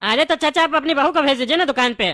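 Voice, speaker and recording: A woman playing a chatty male candy shopkeeper in a comedy skit, quick to argue and laughing often. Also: sits high, fairly bright tone, dry recording, studio quality. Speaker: comic skit actor.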